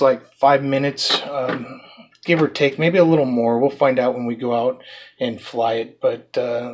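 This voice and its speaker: A man's voice: medium pitch, slightly rough. Chatty man unboxing a toy drone. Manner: chatty, loose, many fillers and restarts. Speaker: drone reviewer. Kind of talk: casual product unboxing review.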